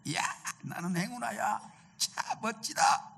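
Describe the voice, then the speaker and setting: A man voicing a reckless young man in a sermon story, loud and excited, speaking higher than his usual voice. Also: normal speed, creaky, heavily acted. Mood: gleeful. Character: reckless young man, hot-tempered then gleeful.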